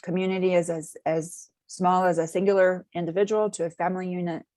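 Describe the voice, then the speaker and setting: A woman with a low, deep voice answers interview questions for a community agency. She talks in measured, jargon-heavy phrases and leans on plenty of filler words. The sound is dry and close, with no room echo. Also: level tone, a little mellow.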